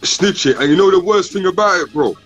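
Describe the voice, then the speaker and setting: A husky man speaks in a London roadman accent, full of street slang. He chats casually on a group livestream. The sound is dull and muffled, with faint music underneath. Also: sits high, lively intonation, fairly quick, a bit bright.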